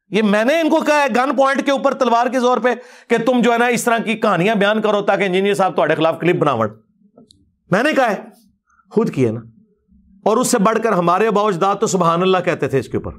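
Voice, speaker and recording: A man, a religious lecturer, delivering a rebuttal in a sarcastic, mocking manner. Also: high voice.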